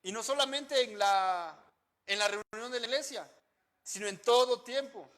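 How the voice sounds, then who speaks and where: A man preaches a sermon in a very high voice. His tone is bright and ringing. He keeps putting questions to the congregation and answers them himself, swinging from loud to soft. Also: moderate pace. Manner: shifts loudness a lot. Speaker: pastor.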